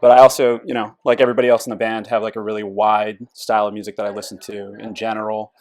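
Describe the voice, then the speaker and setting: A low-voiced man from Connecticut chats about his drumming background. His answers are easygoing and conversational. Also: little pitch movement, fast, a little mellow. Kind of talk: casual interview answers.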